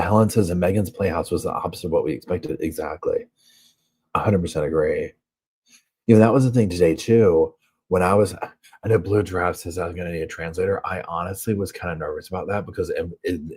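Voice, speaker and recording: A true crime channel host with a Southern US accent runs a casual live chat from a hotel room, rambling along and reading viewer comments out loud. His deep voice is a little mellow with a breathy edge. He's chatty and leans heavily on filler words.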